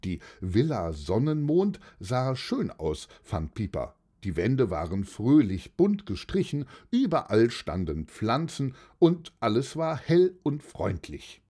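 A narrator reading a children's story aloud in an animated, storytelling way. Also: mid-range voice. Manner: slow, animated, husky storytelling.

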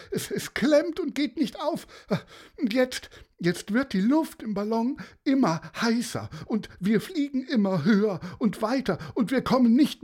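A man's voice: extremely high pitch, a little mellow, husky, pitched above the performer's own voice, heavily acted. Man doing a panicked balloon pilot. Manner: anxious, stammering, hurried.

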